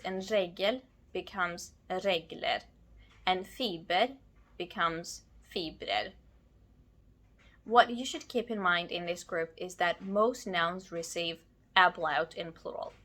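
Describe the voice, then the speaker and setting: Woman, language teacher, scripted lesson, ill and low on energy, slow careful delivery, slightly low pitch. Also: fairly bright tone. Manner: slow, careful explanation with words spelled out.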